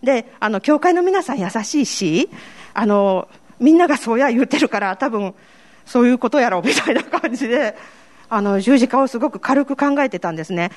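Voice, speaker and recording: A woman's voice: a little high, expressive, moderate pace. A woman with a Kansai accent giving a personal faith testimony to a congregation, telling her story in a candid, self-deprecating way. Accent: Kansai Japanese. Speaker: church member giving testimony.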